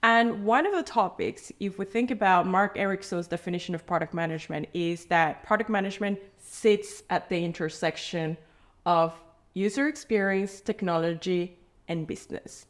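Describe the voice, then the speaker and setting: A woman's voice: fairly low pitch, moderate pace. A woman hosting a podcast interview in person, framing her questions thoughtfully with many hesitations. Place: indoor room, in person with guest.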